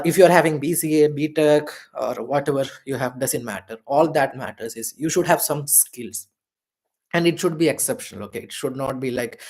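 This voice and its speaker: A man's voice: mid-range voice, darkish tone. A man, shivering in the cold outdoors, hosting a live Q&A and giving earnest career advice full of fillers. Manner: earnest, rambling, with many fillers. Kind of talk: live Q&A chat.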